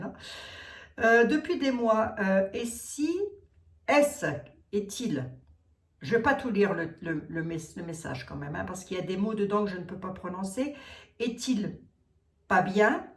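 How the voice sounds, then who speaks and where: A woman's voice: mid-range voice, animated, unhurried, pauses often, far from the mic. A woman with a Lorraine accent, a tarot reader talking casually to her viewers in a chatty, teasing way that laughs at herself. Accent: Lorraine French. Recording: roomy sound from away from the mic.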